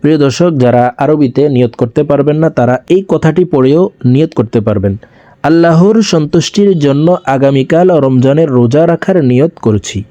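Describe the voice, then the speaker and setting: A man teaching viewers to recite a fasting intention, speaking slowly and drawing out each phrase for them to repeat. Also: on the high side, dark tone, no echo. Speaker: religious teacher. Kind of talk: slow recitation lesson.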